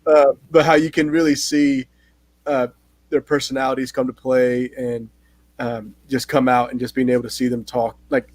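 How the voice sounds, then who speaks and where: A man hosting a casual movie-review chat, relaxed and animated when he gets going. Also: mid-range voice, moderate pace, no room sound. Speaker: host.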